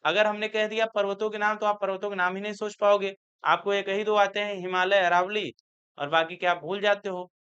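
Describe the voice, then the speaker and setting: A man teaching an exam grammar lesson, explaining slowly and repeating key words, then asking the class questions back. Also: high-pitched, little pitch movement, pushed and bright, clean tone. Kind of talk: board exam grammar lecture. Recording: slightly dull lo-fi recording.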